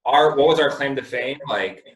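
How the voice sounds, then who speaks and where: A man's voice: medium pitch, normal speed, roomy sound, low-quality recording. A man from Indiana hosting a podcast, joking, rambling and swearing casually. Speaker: podcast host.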